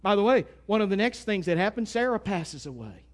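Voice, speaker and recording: A man with an East Texas accent preaching a sermon in a folksy, emphatic way, swinging from loud bursts to hushed asides. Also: sits high, sing-song, a little fast.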